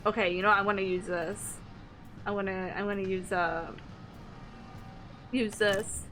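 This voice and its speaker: Slow-talking young woman streamer. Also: medium pitch, steady tone, a bit bright, soft background music. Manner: thinks aloud, hesitant, lots of fillers. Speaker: horror game streamer. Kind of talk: casual gameplay commentary.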